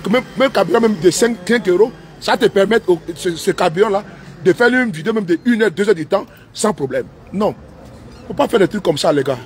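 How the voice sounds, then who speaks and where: High-voiced man rambling live from his car. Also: lively intonation, fairly quick, darkish tone, slight background noise. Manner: repetitive, talkative, mixes in broken English. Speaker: live streamer. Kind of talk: rambling livestream monologue. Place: inside his parked car with engine running.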